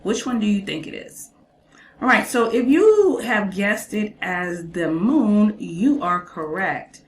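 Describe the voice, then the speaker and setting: A woman's voice: mid-range voice, lively intonation, slow pace, reverberant, a little hiss or hum, rough recording. A woman giving casual commentary on a clip, chatty, quizzing the viewer and listing traits.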